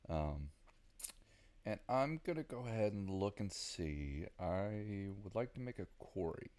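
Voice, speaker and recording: A man's voice: fairly low pitch, very animated, unhurried, a little mellow. A man with a Southern American accent giving casual, rambling gameplay commentary, thinking aloud with lots of ums. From Southern United States. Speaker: gaming video creator.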